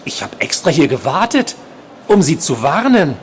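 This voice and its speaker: A man voicing a soft-spoken, obsessive male psychiatric patient, quiet and insistent, while reading from his novel. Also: fairly high pitch, big pitch swings, moderate pace, a little hiss or hum, pitched above the performer's own voice.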